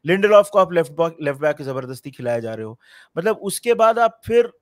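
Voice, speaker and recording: Animated Indian man chatting football. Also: fairly high pitch, brisk, dry recording. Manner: animated, rambling, frequently forgets names. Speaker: football podcast panelist. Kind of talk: casual football chat mixing Hindi and English.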